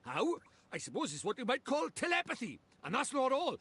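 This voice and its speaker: A man's voice: extremely high pitch, huge pitch swings, brisk, bright, forceful tone, breathy edge, full character voice. An actor playing a cheeky little male fairy lord with a Welsh accent, chatty and teasing in a video game.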